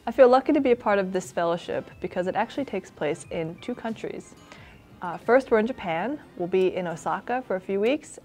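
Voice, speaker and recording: A woman's voice: mid-range voice, darkish tone. Young woman, from Philadelphia, research fellow, on camera, faint music behind. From United States, Philadelphia. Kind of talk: introducing herself on camera. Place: office room, indoors.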